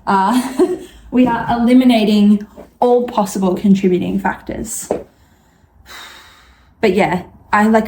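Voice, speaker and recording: A woman's voice: medium pitch, darkish tone, slight background noise. A young Australian woman chatting casually in a knitting vlog, full of fillers and asides. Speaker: knitting vlogger.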